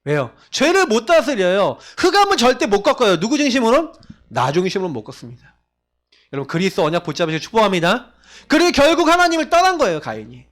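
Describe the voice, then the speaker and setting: A male pastor preaches emphatically and fast, his pitch swooping wildly. He poses questions to the congregation and swings between loud, stressed phrases and low, quiet asides.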